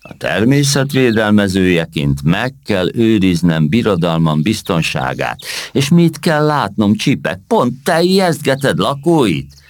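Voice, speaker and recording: A man voicing a young beetle king who is a gentle, noble knight, speaking in a calm, kindly and teaching manner in a storybook reading. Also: fairly low pitch, dry recording, pitched above the performer's own voice. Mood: stern.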